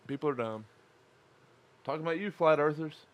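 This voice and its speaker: A man's voice: a little high, normal speed, highs cut off. A tired man with a lisp co-hosting a casual live-streamed podcast, joking around and swearing freely. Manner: crude, profane, joking. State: tired from lack of sleep. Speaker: podcast co-host.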